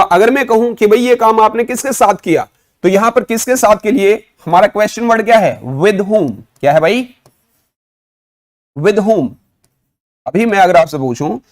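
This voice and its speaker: Slow, higher-voiced Indian teacher. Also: male voice. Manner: explains step by step, quizzes the viewer with repeated questions; says English example sentences slowly and deliberately. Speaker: spoken English teacher. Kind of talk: classroom lesson.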